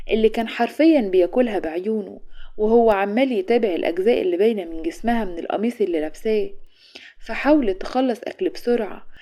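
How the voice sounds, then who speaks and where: A woman with an Egyptian accent narrating a romantic story in brisk, even storytelling. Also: mid-range voice. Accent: Egyptian Arabic.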